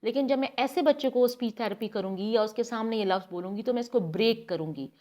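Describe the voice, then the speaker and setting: A woman, guiding parents step by step and demonstrating words slowly. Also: on the high side, darkish tone. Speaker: speech therapy guide for parents. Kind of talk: instructional demonstration.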